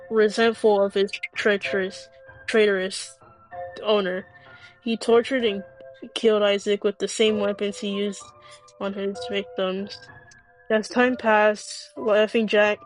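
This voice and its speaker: A woman reading a scripted story aloud as narrator, halting and often stumbling and repeating phrases. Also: medium pitch, poor audio.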